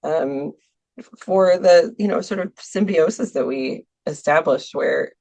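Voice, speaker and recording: Her voice is deep and darkish with vocal fry, and she speaks at a measured pace. This woman is a podcast guest in Milwaukee, US, chatting informally about teaching art while hesitating through many ums and small laughs.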